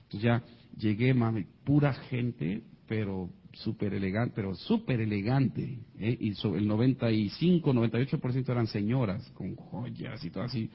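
A man's voice: on the low side, moderate pace, creaky, husky, muffled recording. A man with a Mexican accent telling a comic personal story to an audience, acting out the voices of the people in it. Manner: animated, acts out quoted voices.

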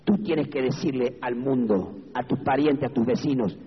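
A man with an Argentine Spanish accent preaching an evangelical sermon as pastor, moving from low, measured speech to high, fervent exclamations. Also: breathy edge. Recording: reverberant hall, dull lo-fi sound, faint background noise.

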